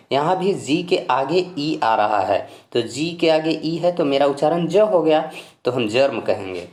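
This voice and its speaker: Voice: mid-range voice, a little mellow. A teacher from India giving a patient, step-by-step pronunciation lesson. The teacher spells words letter by letter, repeats each rule and keeps reassuring the learners. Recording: roomy echo.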